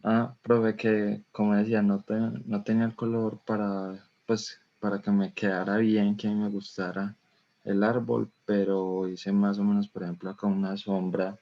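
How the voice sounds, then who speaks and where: Flat, low male student on a video call. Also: a little slow. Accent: Colombian Spanish, Antioquia. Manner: hesitant, restarts while explaining. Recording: muffled video-call audio.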